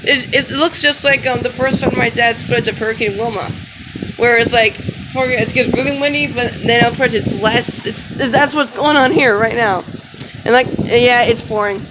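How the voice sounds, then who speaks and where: Casual young-sounding vlogger in loud outdoor noise. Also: mid-range voice, steady tone, moderate pace. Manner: informal running commentary with frequent "like" and hedging. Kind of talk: casual handheld vlog narration. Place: outdoors in windy, rainy weather. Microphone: handheld phone. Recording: loud wind and rain noise on phone mic.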